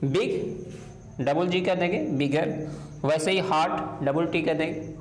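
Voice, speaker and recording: Man teaching grammar slowly, letter by letter. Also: a little high, reverberant, a little hiss or hum, low-quality recording. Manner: slow, step-by-step, spelling out letters. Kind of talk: explaining English grammar in a lesson.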